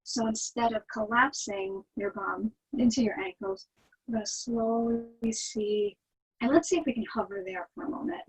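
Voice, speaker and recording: A woman teaching yoga, guiding the poses in a soothing, gentle manner with a slightly husky, breathy voice. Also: a little high, lively intonation, normal speed, rough recording. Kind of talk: guided yoga instruction.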